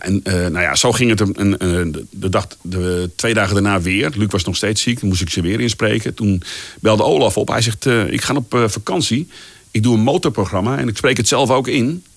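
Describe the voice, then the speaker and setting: A man in his fifties from the Netherlands with a strikingly low voice spins stories of his voice-over career. He rambles cheerfully with many fillers and briefly acts out what others said. The sound is dry, with no room around it. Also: no echo. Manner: animated anecdotes with many fillers, acts out quoted lines. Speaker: voice-over artist, podcast guest. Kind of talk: casual storytelling interview.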